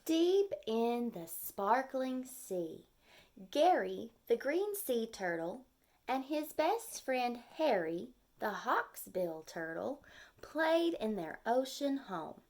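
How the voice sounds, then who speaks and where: A woman teacher uses simple, clearly phrased language with young children, reading aloud and explaining as if at storytime. Her voice is fairly high and a little mellow, slow-paced, with big swings in pitch.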